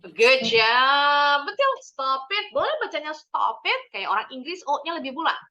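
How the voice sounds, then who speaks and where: A woman teaching an online English pronunciation lesson, explaining points and then modelling short phrases slowly. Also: high voice, big pitch swings, pushed and bright, muffled recording. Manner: switches between explaining and slow model phrases.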